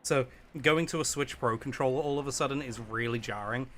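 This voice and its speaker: A man's voice: mid-range voice, fairly quick, fairly bright tone, slight background noise. A man casually chatting with a co-host while playing a video game, sarcastic and freely swearing. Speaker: co-host of a gaming playthrough.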